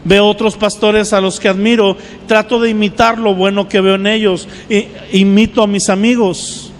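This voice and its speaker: Male pastor, sermon delivery, bright high register, reverberant hall with faint hiss. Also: level tone, normal speed. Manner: preaching with call-and-response asides.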